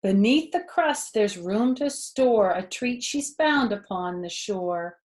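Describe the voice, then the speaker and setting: A slow, mid-pitched female voice belongs to a grandmother in her fifties reading aloud indoors, in a living room. She brings the story to life expressively, pausing to explain words in simple language and to quiz the children listening.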